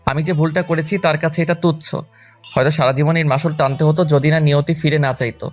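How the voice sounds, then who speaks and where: A man's voice: fairly high pitch, fairly even intonation, faint music behind, close to an everyday voice. A man playing a young husband who pleads at his wife's hospital bedside, speaking emotionally in an audio drama. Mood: anxious. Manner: emotional, pleading, rapid speech.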